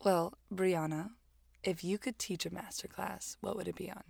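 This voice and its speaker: A woman with a creaky, fry-laden voice talks as a podcast co-host. Her chat is casual, wry and self-deprecating. The recording is close and dry, made inside a walk-in closet. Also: on the low side, fairly even intonation, moderate pace, darkish tone, no room sound. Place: walk-in closet in a small apartment.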